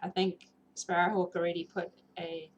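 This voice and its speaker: With a fairly low voice, little pitch movement and a moderate pace, a woman chats casually and gigglily with viewers as host of a livestream where she reads novels aloud. Her accent draws on South African, British and New Zealand speech. Noise from the room is clearly audible.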